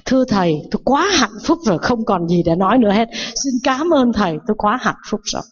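A woman's voice: a little high, animated, quick pace, slightly rough, dull audio. A woman voicing a rich old man who wails over his lost fortune. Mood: overjoyed. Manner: sobbing, wailing lament.

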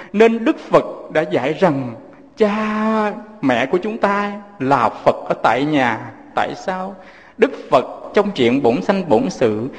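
A man's voice: a little high, in a large hall. A Southern Vietnamese man, a Buddhist monk, giving a fatherly sermon full of personal stories and speaking to his listeners as his children.

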